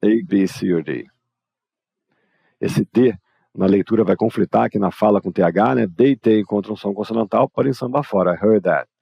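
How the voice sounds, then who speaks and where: A man's voice: fairly low pitch, moderate pace, creaky, slightly rough, no echo, lo-fi sound. A man with a Brazilian Portuguese accent teaching English grammar in a live online lesson, explaining informally and talking straight to his students.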